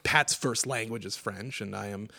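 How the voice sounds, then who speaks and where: A man's voice: lowish voice, moderate pace, gravelly, bright, forceful tone. A middle-aged man from Quebec hosting a radio music show, chatting casually about records with many fillers and "like"s. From Quebec, Canada. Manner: rambling, filler-heavy, many "like"s. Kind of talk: casual on-air chat.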